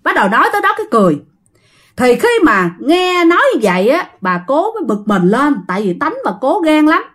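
Southern vietnamese woman telling a ghost story, high voice, chatty, talks to the listeners. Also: sing-song, fairly quick. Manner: addresses listeners directly, chatty. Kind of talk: casual ghost story narration.

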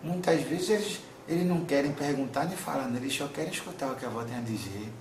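Speaking through a male medium, an old grandmother spirit offers wise, soothing counsel in a tender voice pitched in the middle range, addressing the listener as "son" again and again. She talks fast and sounds close to everyday speech, gentle in mood. Faint hiss lies beneath the echo of the room.

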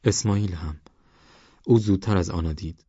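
A man reading a novel aloud as an audiobook narrator, calm and steady. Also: deep voice, breathy edge, no room sound. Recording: dull lo-fi audiobook with faint music. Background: faint background music.

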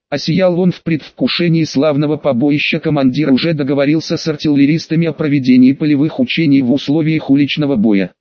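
A man narrates an audiobook in a wry, even storytelling manner, his voice slightly higher than most. The recording sounds dull and lo-fi, with a dry, close sound. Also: no echo.

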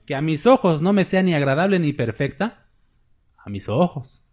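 A pastor delivers a sermon in a fairly high male voice. He keeps it conversational and often checks in with quick questions to his listeners. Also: darkish tone. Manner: conversational preaching, tags points with "¿verdad?" and "¿sí?".

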